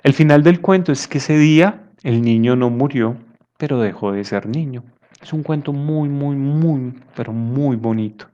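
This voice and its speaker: A man's voice: medium pitch, moderate pace, mellow, muffled recording. Guy psychologist giving a talk, chatty, repeats himself a lot, mid voice. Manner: conversational, repeats words, acts out voices. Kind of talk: conference talk with storytelling.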